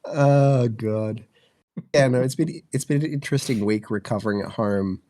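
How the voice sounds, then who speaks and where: Chatting casually on a podcast he co-hosts, a twenty-something Australian man wanders off-track with many fillers, his voice congested from the flu. The clean studio recording captures a warm, mid-range voice at normal speed with no room sound.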